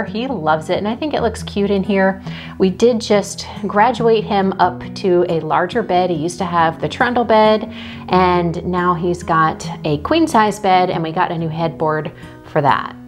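Woman, home tour voice-over, homey and unhurried, soft music underneath. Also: on the low side. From Texas. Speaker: home vlogger. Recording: faint background music.

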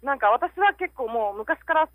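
A woman's voice: high-pitched, lively intonation, moderate pace, no room sound, phone-quality sound. A woman in her thirties phoning in as a caller to a radio advice show, speaking frankly with many hesitant fillers. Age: 30s. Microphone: phone call into the studio.

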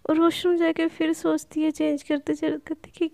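A woman's voice: high-pitched, flat delivery, normal speed, gravelly, darkish tone, dry recording. A woman narrating a love story in a casual, chatty way, acting out the characters as she goes.

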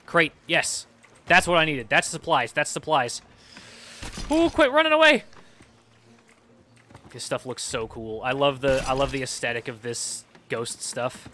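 A young man streaming a video game, excitably talking to himself as he plays. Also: mid-range voice, normal speed, a little hiss or hum. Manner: excitable, talks to himself while playing. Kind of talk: live gameplay commentary.

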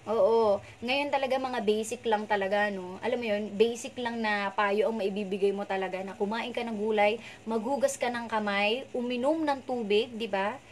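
A woman's voice: fairly high pitch, fairly even intonation, normal speed, a little hiss or hum. A young woman hosts a casual live stream from home, chatting playfully and reading out viewers' names and greetings. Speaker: radio host doing a live stream.

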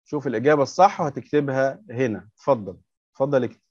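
A man's voice: mid-range voice, rapid-fire, darkish tone, dry recording, lo-fi sound. A man with an Egyptian Arabic accent teaching English words to young children, patiently repeating words and asking questions. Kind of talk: workbook lesson explained step by step.

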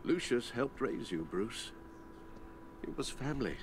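An older actor playing an elderly loyal confidant in a video game drama, grave and mournful with a gravelly voice. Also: male voice, medium pitch, very animated, a little slow. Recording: game audio with clear background noise.

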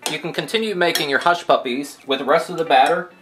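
A middle-aged man hosting a cooking show, calmly giving step-by-step recipe instructions in a home kitchen. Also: a little high, quick pace, a little hiss or hum.

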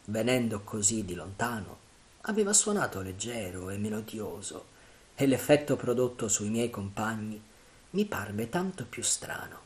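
Male narrator, dramatic adventure reading, animated pitch. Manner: measured, dramatic storytelling. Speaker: audiobook narrator. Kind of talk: scripted narration.

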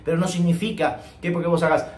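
Male vocal coach, animated and joking, recorded in an echoey room. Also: fairly high pitch, quick pace. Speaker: singing teacher. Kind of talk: online singing lesson. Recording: echoey room, faint ambient noise.

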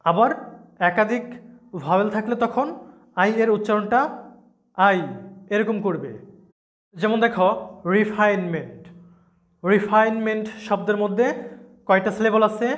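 A man's voice: sits high, moderate pace, pauses often, a bit bright. A man teaching pronunciation in a video lesson, patiently repeating each example word and answering his own questions.

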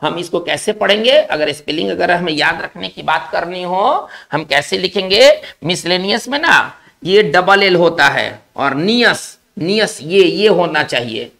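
A male teacher giving a spelling lesson, explaining slowly, repeating key words and checking in with his class. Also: high voice, animated, vocal fry, pushed and bright.

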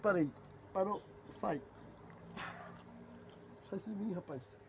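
A man's voice: high voice, slow pace, noisy background. A man talking affectionately to his dog in baby talk, laughing and cursing. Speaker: dog owner filming his pet. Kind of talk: casual home video talking to a dog.

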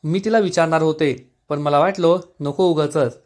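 A man reading out the lines of a gentle, caring young elder sister in a calm, explaining way. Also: fairly high pitch, normal speed, natural voice.

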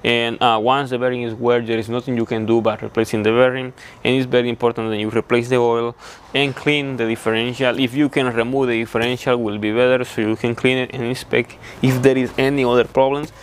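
Halting young mechanic in a truck shop. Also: male voice, mid-range voice, little pitch movement, a little hiss or hum. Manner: plain, halting explanation with many fillers and restarts. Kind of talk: hands-on repair walkthrough. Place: indoor truck repair shop.

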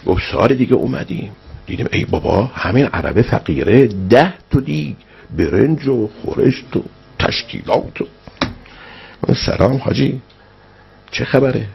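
Gravelly animated male preacher telling a story. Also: muffled recording. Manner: animated storyteller, acts out quoted speech with big pitch swings. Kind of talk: religious storytelling sermon.

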